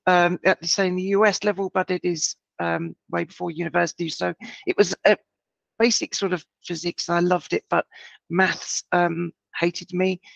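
A woman giving an astrophotography presentation with her gruff early-morning voice, talking in a halting way with many ums and restarts. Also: fairly low pitch, level tone, dry recording, lo-fi sound. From United Kingdom. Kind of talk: online presentation talk.

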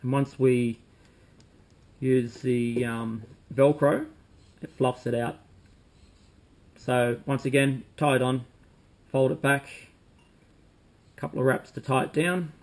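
A man, calmly demonstrating fly tying at a desk at home, talking while he works with frequent ums. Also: mid-range voice, takes it slowly, pauses often. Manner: relaxed, talks while working, frequent ums. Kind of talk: casual demonstration. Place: home room with bookshelves, indoors.

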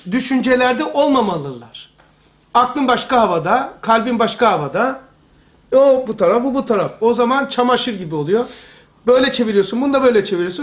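High-voiced man teaching a religious study lesson. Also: fairly bright tone. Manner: conversational, repeats key phrases for emphasis. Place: live study circle with listeners.

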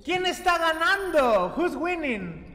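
A woman teaching a lively group Spanish lesson, switching between Spanish and English and repeating her questions to the students. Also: very high voice, takes it slowly. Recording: echoey room with music behind.

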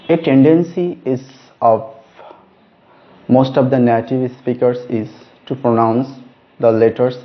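A man teaching a lesson on letter names, speaking slowly and stressing each letter. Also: medium pitch. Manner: slow, deliberate, stresses each letter name. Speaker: English teacher. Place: room with a whiteboard. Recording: dull lo-fi recording.

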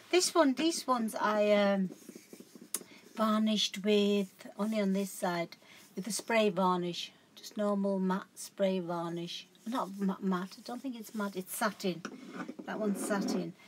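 A woman with a mid-range voice talks slowly over slight background noise, casually showing off her crafts at home. A craft vlogger in a chatty show-and-tell, she rambles and keeps correcting herself as she goes.

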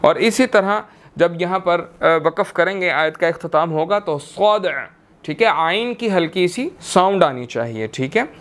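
High, smooth-voiced man teaching tajweed. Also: expressive, fairly bright tone. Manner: slow drawn-out recitation, then explains each letter, says "theek hai" often. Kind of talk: recorded tajweed lesson.

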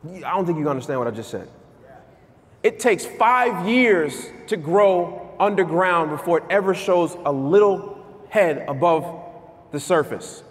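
A man in his thirties giving an energetic motivational keynote on stage in a large conference hall, asking the crowd questions. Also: high voice, unhurried. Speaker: keynote speaker. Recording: long hall reverb.

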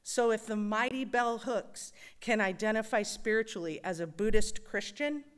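A woman serving as worship associate, giving a thoughtful, measured personal reflection with touches of wry humor in a church service. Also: medium pitch, clean tone. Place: church sanctuary.

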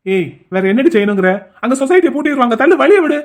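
A man voicing a gruff, stubborn middle-aged village husband in a cartoon, who scolds in quick, curt retorts. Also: high voice, lightly acted. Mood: scolding. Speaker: cartoon character. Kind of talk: cartoon voice acting.

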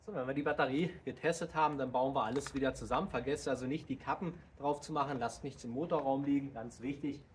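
A man in his thirties talks viewers through a car task in a steady, explanatory way, speaking directly to them. His voice sits at an ordinary middle pitch. He was recorded outdoors in a home driveway, with faint ambient noise behind him. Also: quick pace, hardly any pauses. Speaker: DIY car channel host. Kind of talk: casual how-to explanation.

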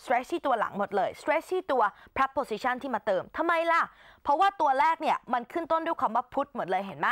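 A woman teaching English on a televised exam-prep lesson, her voice set a little high. She explains in one language and models English phrases slowly and carefully. The sound is close and dry, with no room around it. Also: a bit bright, dry recording.

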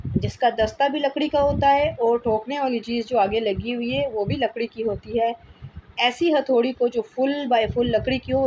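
A woman's voice: fairly high pitch, highs cut off. A woman giving a vocabulary lesson, patiently repeating each word as she explains it. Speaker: teacher. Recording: noisy home recording.

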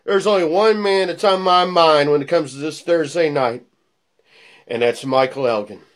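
A middle-aged man delivering a wrestling promo, a theatrical, taunting monologue that moves between low menace and loud intensity. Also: moderate pace. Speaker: pro wrestling personality cutting a promo. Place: small plain indoor room.

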